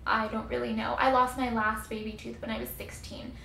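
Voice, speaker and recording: A woman in her twenties shares a casual, rambling personal story as a vlogger. Her voice sits a bit high and often drops into creaky fry. She sidetracks herself and leans on exaggeration, recorded in a roomy, echoey space. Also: flat delivery, a little fast, sharp tone, slight background noise. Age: 20s. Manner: chatty, rambling, self-interrupting, given to hyperbole.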